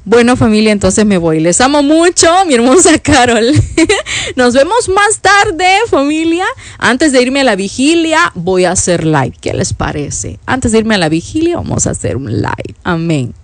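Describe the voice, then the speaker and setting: Her voice is a little high and very animated, her pace slightly slow, and there's no echo on the recording. She's a Salvadoran worship leader in her fifties with a Salvadoran Spanish accent, chatting lovingly on a casual live stream while reading viewers' comments and laughing often.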